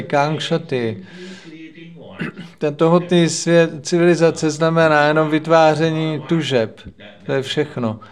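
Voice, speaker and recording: A man with a somewhat high voice delivers a religious lecture. He preaches in a measured way and lays out his points by repeating short phrases in lists. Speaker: spiritual lecturer.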